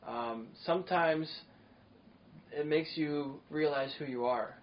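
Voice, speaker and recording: Slow and a little high-pitched, a man hosts a casual podcast chat, rambling with enthusiasm and many fillers. The audio is lo-fi and dull, with a faint noise floor.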